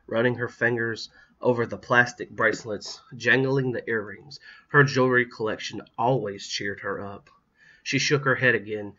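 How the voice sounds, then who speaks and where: A man narrating a children's horror story in a steady, plain reading voice with small slips. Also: medium pitch, lo-fi sound. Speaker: audiobook reader.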